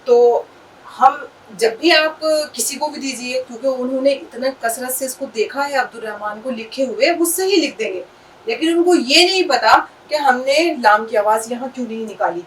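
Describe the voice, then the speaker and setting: High-voiced woman teaching Urdu at a board. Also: distant mic, a little hiss or hum, poor audio. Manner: patient, repeats and spells out words. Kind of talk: explaining at a whiteboard.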